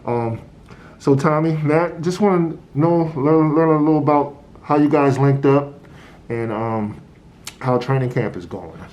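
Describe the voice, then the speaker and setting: A man's voice: a little high, a little slow, a little mellow, muffled recording. A man working as an interviewer, asking casual questions. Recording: faint background noise.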